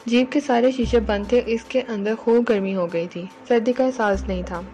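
A woman reading a novel aloud in an even, measured storytelling manner. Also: medium pitch. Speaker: audiobook reader.

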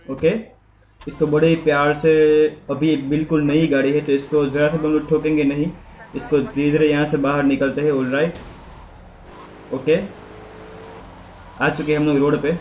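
Chatty male gaming streamer, slightly high voice, echoey room with faint noise. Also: moderate pace, pauses often. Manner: excitable, chatty, addresses viewers as guys. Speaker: gaming YouTuber. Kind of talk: casual gameplay commentary.

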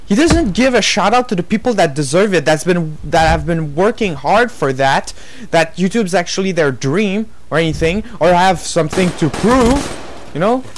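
Young adult, gaming YouTuber, angry sweary rant, exasperated, mid-range pitch, faint noise behind. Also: animated, moderate pace. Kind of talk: ranting commentary over gameplay.

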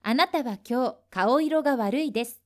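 Brisk, high-voiced woman reading translations. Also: lively intonation, a little mellow. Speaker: translation reader. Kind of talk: reading Japanese translations of lesson sentences.

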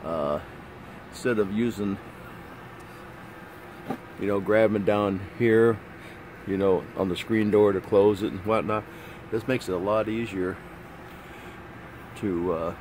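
Laid-back low-voiced older man. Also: a little mellow. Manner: plain, laid-back explaining with fillers. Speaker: vlogger, RV traveller. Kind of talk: casual vlog talk. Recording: noisy phone audio with road noise.

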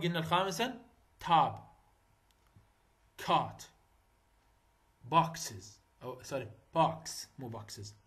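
A man with an Iraqi Arabic accent teaching English vowel sounds, repeating example words slowly and coaching the viewer directly. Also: fairly high pitch, fairly bright tone. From Iraq. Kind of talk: phonetics lesson.

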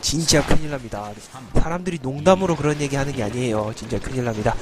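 A man's voice: medium pitch, fast talker, a crowd in the background. A man streaming a video game, giving playful, joking commentary to viewers and yelping in panic during fights. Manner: joking, teasing, yelps repeated "no" in panic. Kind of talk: playful live gameplay commentary. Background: game music.

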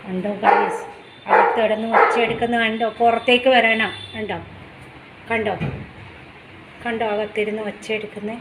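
Mom vlogger, high voice, sweet-talking her dog at home, a bit of room noise. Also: flat delivery, moderate pace, long pauses. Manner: coaxing baby talk to her pet dog. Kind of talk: casual home vlog. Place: home indoors.

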